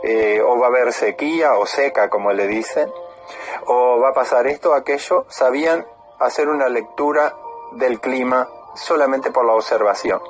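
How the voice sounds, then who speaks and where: Earnest preacher on the radio. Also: male voice, mid-range voice. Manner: earnest, rising to loud cries when voicing the blind man's pleas. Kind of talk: sermon.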